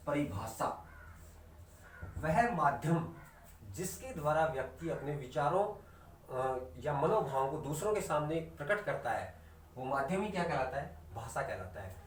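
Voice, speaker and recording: This online Hindi teacher from India has a slightly high voice, with a little hiss or hum in the recording. He asks questions, answers them himself, repeats key vocabulary and slows way down on definitions, all picked up distantly in an echoey room.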